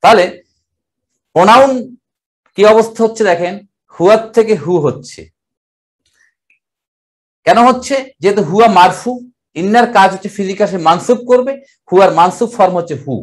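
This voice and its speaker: An older man from Bangladesh teaching Arabic grammar in a classroom lecture, explaining step by step and drawing out the Arabic words slowly. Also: high voice.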